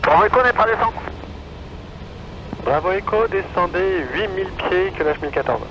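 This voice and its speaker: A man's voice: high voice, expressive, normal speed. A man working as an air traffic controller, heard over an aircraft radio and speaking in clipped, formal radio phrases. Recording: muffled radio with loud noise.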